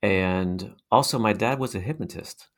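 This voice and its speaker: A man's voice: lowish voice, moderate pace, vocal fry. A middle-aged man with a hypnotic, mesmerizing voice, answering interview questions conversationally as a guest researcher.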